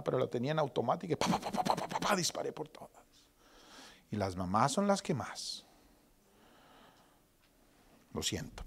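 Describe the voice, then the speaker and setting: A man in his forties preaching a sermon as pastor in a church, dramatic, going from loud outbursts to hushed whispers. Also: mid-range voice, gravelly. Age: 40s.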